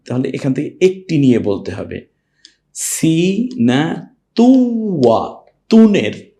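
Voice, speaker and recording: A man teaching Quran recitation, patiently spelling out letters and vowel marks one by one, then breaking into long drawn-out melodic chanting of the verse. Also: mid-range voice, gravelly, darkish tone. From Bangladesh. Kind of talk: step-by-step recitation lesson.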